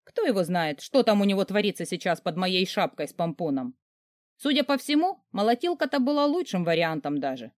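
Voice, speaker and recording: A woman narrating a first-person audiobook in an expressive, wry manner. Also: medium pitch, a little fast, no room sound, studio quality.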